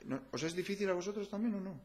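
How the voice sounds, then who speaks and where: A man's voice: sits high, quick pace, darkish tone. A man with a Spanish accent from Spain preaching a sermon in a church, talking to the congregation with rhetorical questions and a conversational tone.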